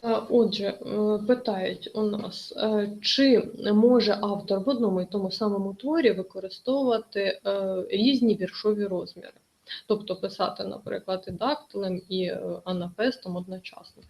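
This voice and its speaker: A woman's voice: mid-range voice, steady tone, moderate pace, creaky, darkish tone, rough recording. A woman teaching an online exam-prep lesson, explaining carefully with many hesitations.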